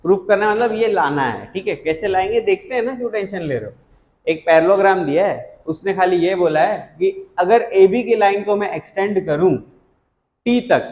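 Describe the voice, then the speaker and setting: A young male math teacher, slightly higher voice than most men. He talks through a lesson in a chatty, teasing, reassuring way. The sound is dull and lo-fi, in an echoey room. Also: a little mellow. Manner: chatty, teasing, reassuring, works sums aloud. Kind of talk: casual whiteboard math lesson.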